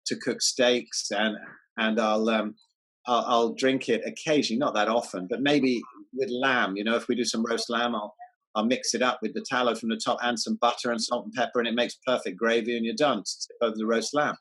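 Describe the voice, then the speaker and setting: A man's voice: medium pitch, steady tone, brisk, fairly bright tone, slightly rough, low-quality recording. A man talking as an interview guest, enthusiastic, stumbling over false starts and repeated words. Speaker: guest, health writer. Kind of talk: casual interview chat.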